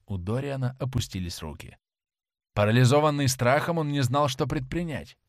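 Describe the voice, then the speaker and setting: A man giving a dramatic, expressive scripted narration of a novel into a close mic. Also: medium pitch, moderate pace, no room sound. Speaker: audiobook narrator.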